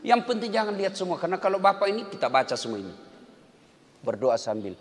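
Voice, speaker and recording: A man preaching a sermon in an animated way, swinging between loud emphatic lines and soft, drawn-out chanting. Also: high voice. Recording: echoey hall with long reverb.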